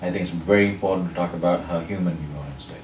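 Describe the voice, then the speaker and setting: A Sri Lankan man, a public speaking champion and interview guest, explains public speaking in a pretty low, slightly mellow voice with fairly even intonation, listing his points in a measured way. His English is neutral and international, faintly Sri Lankan, and his first language is Sinhala or another Sri Lankan language. The distant mic captures an echoey room with a faint hum.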